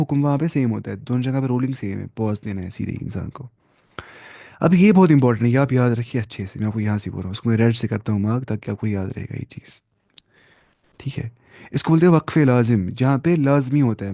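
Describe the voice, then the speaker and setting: A man teaches Quran reading in a live online class over a video call, patient and repeating each term several ways. His voice has a gravelly edge and a dark, relaxed tone. The sound is close and dry, with no room around it. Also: mid-range voice, no echo. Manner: patient, explains by repeating terms. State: sleepy.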